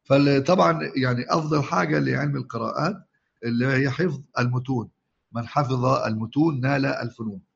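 Egyptian guy teaching quran recitation, husky gravelly voice, drags out words, keeps checking u follow, kinda muffled lo-fi audio. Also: medium pitch. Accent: Egyptian Arabic. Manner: explains slowly, repeats and drawls quoted words, quizzes listeners. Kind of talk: religious lesson. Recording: dull lo-fi recording.

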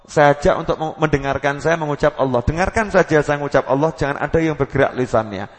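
A man giving a sermon to a gathering, lively, acting out quotes and chanting dhikr phrases. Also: fairly high pitch, fast talker. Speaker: preacher. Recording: long hall reverb.

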